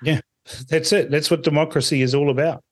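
Guy from fiji hosting a talk radio call-in, chatty, kinda halting, really dry sound. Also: on the high side, fairly even intonation, dry recording. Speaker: radio talk show host. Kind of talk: casual phone-in talk.

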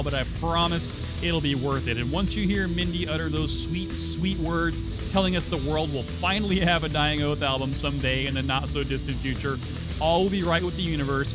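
Guy doing a creepy tongue-in-cheek horror host intro for a metal radio show, music playing under him. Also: fairly high pitch. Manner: theatrical, tongue-in-cheek macabre.

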